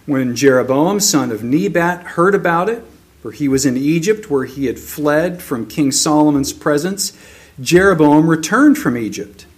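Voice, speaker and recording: A man preaching a sermon, reading scripture aloud in a slow, measured way, then explaining it. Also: on the high side, animated.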